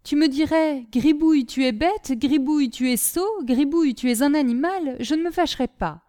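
Gribouille, a simple-hearted young servant boy, eager and rambling, with a raised, innocent pitch, as a woman reads him. His voice is warm and mellow, and it sits dry and close. This is storybook reading. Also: normal speed, dry recording, lightly acted. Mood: naive, earnest. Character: simple-minded, earnest young male servant.

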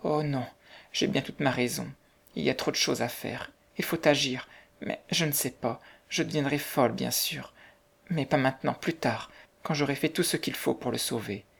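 Reader doing a desperate young woman, breathy near-whisper, gravelly. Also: medium pitch, normal speed. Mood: despairing. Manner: soft breathy half-whisper. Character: young working woman in despair.

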